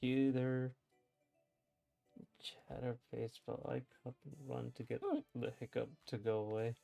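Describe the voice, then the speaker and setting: Gravelly hiccuping man in his thirties. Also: mid-range voice, level tone, slow pace, warm tone, soft background music. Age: 30s. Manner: reads chat aloud, wry and blunt. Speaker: livestreamer. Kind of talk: casual livestream chat.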